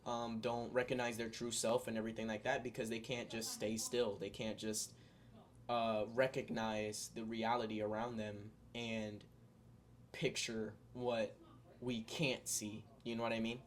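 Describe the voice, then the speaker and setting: A man's voice: fairly low pitch, little pitch movement, unhurried. A young man talking straight to his viewers in a casual vlog, rambling through his thoughts with lots of fillers and restarts. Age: young adult. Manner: earnest, spiritual musings addressed to viewers. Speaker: vlogger.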